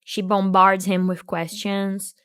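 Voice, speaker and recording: A woman's voice: medium pitch, little pitch movement, takes it slowly, fairly bright tone, clear, resonant tone, no room sound, studio quality. A woman hosting a video, giving a casual recap of a film and book with joking asides and restarts. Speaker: video host.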